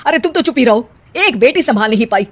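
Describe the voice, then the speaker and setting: A woman voicing a blunt, irritable middle-aged father in a cartoon story, talking in a gruff, scolding way. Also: fairly high pitch, expressive, fast.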